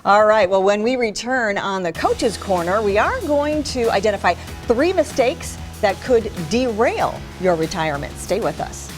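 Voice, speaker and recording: A woman's voice: mid-range voice, big pitch swings, normal speed, few pauses, music in the background. Friendly woman co-hosting a talk show. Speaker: co-host.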